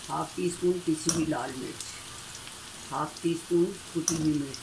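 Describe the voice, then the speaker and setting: A middle-aged woman hosts a home cooking tutorial from her kitchen as a cooking channel host, talking viewers through each step in a chatty, homely way and warmly treating them like family. Her voice sits low with fairly even intonation at a moderate pace, amid noisy frying and stirring.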